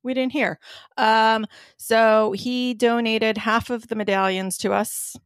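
A woman co-hosting a running podcast, chatting casually with lots of fillers and an animated way of talking. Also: fairly high pitch, takes it slowly, clear, resonant tone, no echo, clean studio sound. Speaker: podcast co-host, race organizer. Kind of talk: casual chat.

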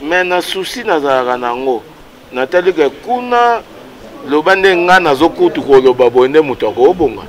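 A Congolese-accented man in his thirties speaks at normal speed in a fairly high voice. He's an interview guest outdoors beside a wall, talking animatedly, gesturing with his hands, and mixing Lingala and French in a casual chat.

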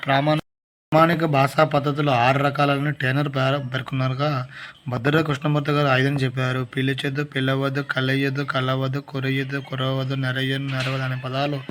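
Over slight background hiss, a man with a mid-range voice works through Telugu dialect notes for exam preparation. As an exam prep teacher, he reads out the word forms one by one, stopping to restart and fix his mistakes.

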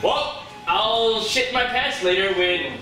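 A man's voice: sits high, slow pace, over music, low-quality recording. A man in his twenties trading casual banter with friends. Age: 20s. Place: living room and open kitchen of a house. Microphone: camera across the room. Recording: clinking dishes, room noise.

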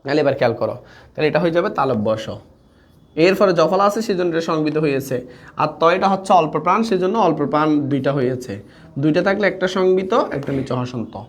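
A man's voice: on the high side, expressive, fast talker. Man teaching an online class. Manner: coaxing, repeats key points, checks understanding often. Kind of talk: live online class lecture.

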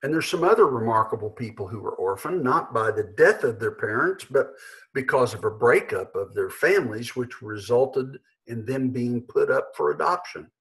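Older pastor guy, gravelly, slow earnest sermon from his living room. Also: medium pitch, expressive, a bit bright, low-quality recording. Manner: earnest, measured, with emphatic slowed phrases. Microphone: webcam at desk.

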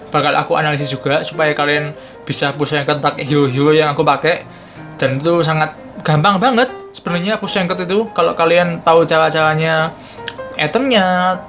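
A gaming YouTuber in his twenties talks to the camera in a casual, chatty explainer, treating viewers like friends. His voice is on the high side and a bit bright, and a speech impediment blurs his r and l sounds. Music plays in the background.

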